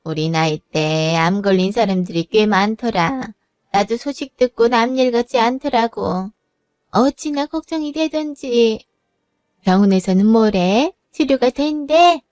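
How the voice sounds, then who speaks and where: A woman's voice: on the high side, measured pace, a little mellow, smooth, no room sound, clean studio sound, faint music behind, close to an everyday voice. A woman voicing an older mother-in-law who speaks in a firm, motherly, scolding way. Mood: firm, caring. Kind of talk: narrated drama voice acting.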